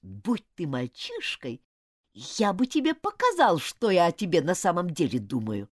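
A woman's voice: medium pitch, wildly swooping pitch, moderate pace, no echo, studio quality, voice pushed up. A woman reading an audiobook, voicing a proud, hot-tempered schoolboy who talks in an indignant, clipped, scornful way. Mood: threatening.

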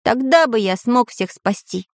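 A woman's voice: a little high, expressive, measured pace, no echo. A practical, matter-of-fact iron handyman from a children's story, voiced by a woman. He talks plainly and a little glumly. The recording is close and dry. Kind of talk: children's audiobook voice acting.

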